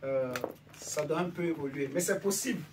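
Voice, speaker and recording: At normal speed, a Benin preacher gives a casual sermon to a small congregation in a conversational voice sitting slightly high. He repeatedly asks if his listeners follow him, seeking their agreement. The distant recording carries faint background noise.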